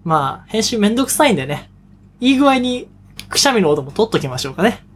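Fast-talking woman with a nasal, congested voice. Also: mid-range voice, big pitch swings, slight background noise. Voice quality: nasal, stuffy-nosed voice. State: congested from rhinitis. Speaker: co-host of a talk show. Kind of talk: casual chat. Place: studio.

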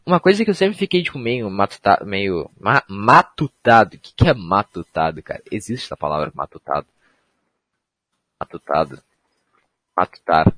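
Rambling, slangy young podcaster. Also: male voice, fairly low pitch, a bit bright, husky, no room sound. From Brazil. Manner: rambling, slangy, self-mocking. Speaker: podcast host. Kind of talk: casual solo podcast monologue.

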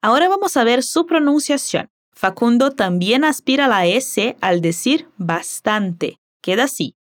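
A woman whose first language is Portuguese teaching a Spanish lesson, slowly modeling words and phrases for the listener to repeat. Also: on the high side, animated. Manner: slow, careful modeling of words.

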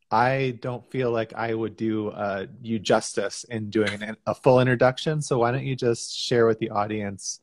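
A man with a fairly low voice hosts a podcast interview. He is easygoing and a little hesitant, and his voice is recorded close and dry with no room sound. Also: no echo. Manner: easygoing, hesitant with frequent fillers. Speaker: podcast host.

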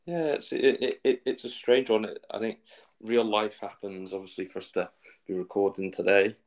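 A man's voice: lowish voice, fairly even intonation, normal speed. A man from England co-hosting a football podcast in casual chat, often stammering and restarting. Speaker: podcast co-host.

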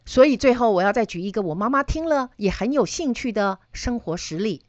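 A middle-aged woman lectures on data analysis, weaving in stories from her own life and turning questions back to her listeners. Her voice sits somewhat high and moves up and down a great deal. The recording is dry and a little dull. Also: expressive, fairly quick, no echo. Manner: storytelling, asks listeners questions.

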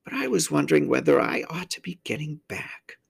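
An innocent young girl from a storybook, as a man plays her, with a lifted, slightly husky voice. She speaks earnestly and politely, with puzzled, lilting turns. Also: fairly high pitch, huge pitch swings, a little fast, voice pushed up, heavily acted. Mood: polite, hesitant.

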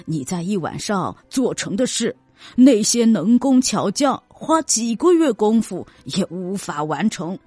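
A woman's voice: medium pitch, sing-song, unhurried, warm tone, husky, dry recording, soft background music. A woman voicing a fatherly old emperor in a storybook reading, stately and fond. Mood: admiring.

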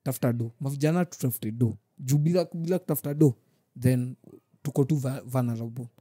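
Young man, Kenyan accent, mid-pitched, rapid slangy storytelling, mellow tone, casual. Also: breathy edge, no echo, studio quality. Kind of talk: casual group discussion and storytelling.

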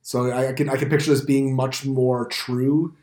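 A man's voice: medium pitch, little pitch movement, normal speed, a little mellow. American man hosting in a roomy studio. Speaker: podcast host and teacher. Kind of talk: casual hosting and interviewing. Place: indoor school podcast studio. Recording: roomy, reverberant room sound.

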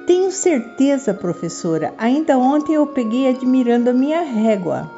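A woman's voice: high voice, big pitch swings, moderate pace, dark tone, lo-fi sound, soft background music, pitched above the performer's own voice. A woman voicing a stubborn, indignant schoolgirl in a children's storybook, insistent and accusing. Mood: irritated, accusing.

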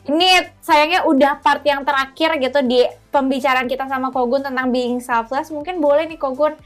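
A woman hosts a casual chat in a high, light voice. She responds with short, friendly affirmations as the talk closes. Faint music sits in the background. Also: steady tone, moderate pace. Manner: brief affirming interjections. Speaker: podcast host.

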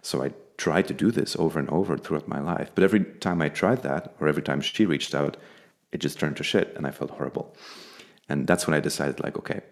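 A man from Belgium, speaking candidly and thoughtfully as an interview guest. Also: very deep voice. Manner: thoughtful, candid, slow and measured. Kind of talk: reflective personal interview.

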